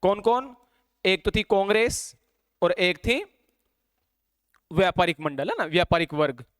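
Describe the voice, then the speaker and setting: A male teacher, giving a classroom lecture, quizzing students and dictating notes slowly with repeats. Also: high-pitched, animated, a bit bright, smooth, dry recording, clean studio sound.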